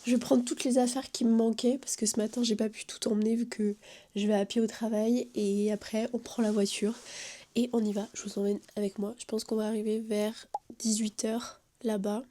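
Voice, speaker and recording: Chatty young woman vlogging, raised pitch. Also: normal speed, a little hiss or hum. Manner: chatty, excitable, laughs often. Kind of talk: casual vlog chat to camera. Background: background music.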